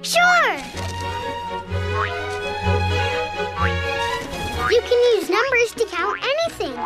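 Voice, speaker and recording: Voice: very high voice, exaggerated voice. An actor voicing a young, eager and helpful kangaroo child in a children's cartoon.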